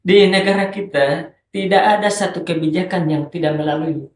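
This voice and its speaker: A man's voice: fairly high pitch, a little fast, roomy sound, a little hiss or hum, rough recording. A man in his thirties, a politician guest on a podcast, speaking earnestly about public service. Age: 30s. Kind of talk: podcast interview.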